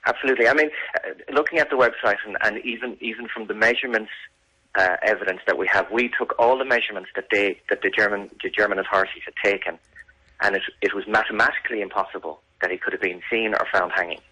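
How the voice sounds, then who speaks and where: A man's voice: on the low side, steady tone, fast, sharp tone, slightly rough, rough recording. A man giving serious, earnest answers as an interview guest, emphatic and often repeating words. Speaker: radio interview guest, victim's family campaigner.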